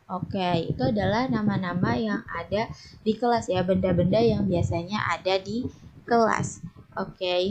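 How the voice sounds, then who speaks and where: An English teacher with an Indonesian accent giving a patient lesson to young teens, repeating each word slowly for the class to echo. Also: female voice, medium pitch.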